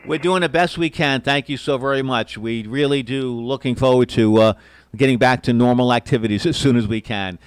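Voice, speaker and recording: A man's voice: mid-range voice, brisk, smooth, no echo. A courteous, hesitant man operating an amateur radio station, spelling out call signs in phonetics.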